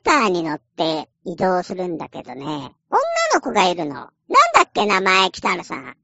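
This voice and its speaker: A woman's voice: lowish voice, lively intonation, normal speed, vocal fry, sharp tone, dry recording, dull audio. A woman casually explaining a game in a chatty, playful way, acting out little quotes as she goes.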